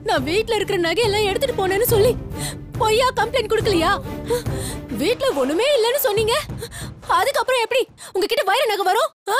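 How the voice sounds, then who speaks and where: A woman's voice: very high voice, a little fast. An actress playing a tearful young daughter-in-law who claims she was beaten, pleading through sobs, over serial music. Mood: accusing. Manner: sobbing, pleading complaints.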